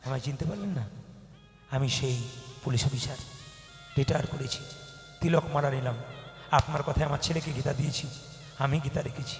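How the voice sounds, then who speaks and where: A man voicing a retired male police officer who has become devout, speaking earnestly in a lower voice than his own. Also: moderate pace, gravelly, long pauses, natural voice. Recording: echoey hall with faint music.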